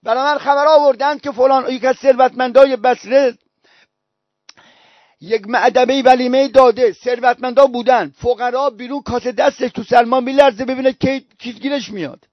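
A man's voice: very high voice, steady tone, no echo. A male preacher delivering a sermon, telling stories with emphatic repetition. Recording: dull, dry recording.

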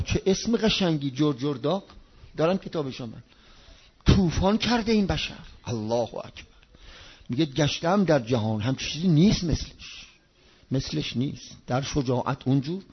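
A man preaching a religious sermon over a loudspeaker, telling a story with passionate outbursts and hushed low passages. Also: breathy edge. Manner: impassioned, swinging between loud outbursts and hushed low tones. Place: speaking over a loudspeaker in Qom. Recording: dull lo-fi recording.

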